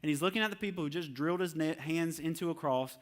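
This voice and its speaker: A male pastor preaching a live sermon in a conversational, emphatic, animated way at a church service. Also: a little high, fast.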